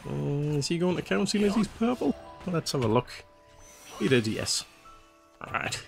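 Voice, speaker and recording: Gravelly and fairly high-pitched, this man speaks at a normal speed while music plays in the background. He's a let's play host chatting loosely about his game, rambling and relaxed, dropping "uh" often. A cold has left his nose slightly stuffy.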